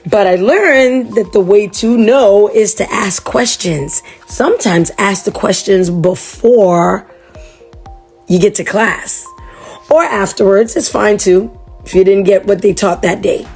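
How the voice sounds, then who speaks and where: A woman reading a chapter book aloud to children, chatty and animated. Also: mid-range voice, takes it slowly, breathy edge, soft background music.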